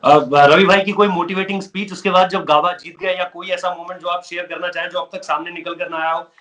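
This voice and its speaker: A man's voice: sits high, level tone, brisk, pushed and bright. A male sports host asking long, winding questions with an eager, chatty manner. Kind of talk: interview questions.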